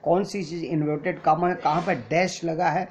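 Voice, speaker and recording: A man's voice: a little high, steady tone, normal speed, a little hiss or hum. A man teaching an acting class, explaining patiently and mixing English terms into his Hindi. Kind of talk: lecture. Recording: dull lo-fi recording.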